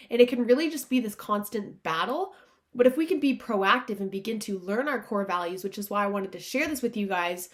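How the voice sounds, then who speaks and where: A woman podcast host with a nasal, stuffed-up voice, as if pinching her nose from allergies, speaking earnestly and informally to listeners in a motivational self-help style. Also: medium pitch.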